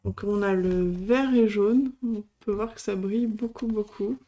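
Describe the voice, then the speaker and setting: Woman doing a chill product demo, talks slow, lots of "uh"s, soft warm voice. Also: medium pitch, fairly even intonation. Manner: hesitant, many fillers. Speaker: craft channel host.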